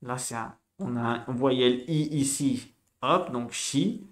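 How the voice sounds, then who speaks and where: A man giving a casual spoken lesson, animated and repetitive, spelling out sounds slowly for learners. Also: medium pitch. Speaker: Hebrew teacher.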